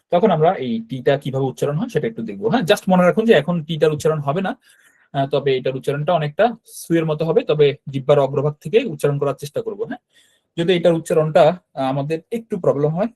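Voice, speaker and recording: A man with a Bangladeshi Bengali accent leads a beginner language lesson over a video call. His voice is slightly high and mellow in tone. He explains patiently, step by step, and keeps checking in with his students. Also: low-quality recording. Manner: explanatory, checks in with frequent "right?". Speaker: Japanese language teacher. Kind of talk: online class teaching.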